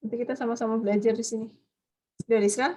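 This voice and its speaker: Female language teacher, higher-pitched, lively and coaxing. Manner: lively, coaxing students with questions, quick asides. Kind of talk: online class lecture.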